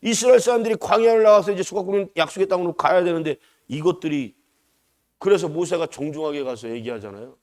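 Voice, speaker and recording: A man's voice: sits high, fast talker, a little mellow. Emphatic preaching pastor, man. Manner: emphatic, asks the congregation back for response. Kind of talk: dawn service sermon.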